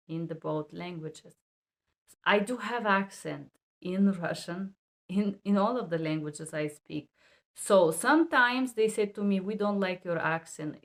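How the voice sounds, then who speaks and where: Speaking in a medium-pitched, slightly bright voice, a medical and legal interpreter gives an instructional talk to camera. She uses emphatic, non-native English, bluntly hammering home key rules.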